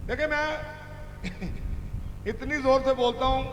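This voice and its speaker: Male pastor, very high and slow, fiery revival sermon delivery, booming long hall reverb. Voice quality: mixes Hindi with English phrases. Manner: shouting fervently, calls out to the crowd. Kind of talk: healing-service sermon. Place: large hall at a church meeting. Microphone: handheld stage mic. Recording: echoey hall with rumble.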